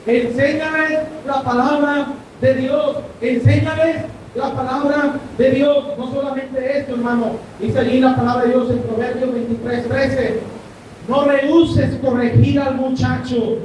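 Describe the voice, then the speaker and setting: This man is a pastor preaching in a church hall, regularly asking his congregation if they're following along. His pitch barely moves, and he talks a little slowly in a slightly mellow voice, recorded from afar in an echoey room with faint rumble.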